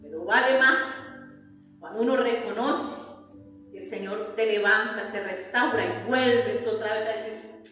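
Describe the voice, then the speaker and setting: A woman's voice: medium pitch, a little slow, sharp tone, soft background music. Woman preaching in an echoey church. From Colombia. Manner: emphatic preaching with frequent call-and-response questions to the congregation. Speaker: pastor. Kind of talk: sermon. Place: church sanctuary. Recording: very echoey hall, voice from far off.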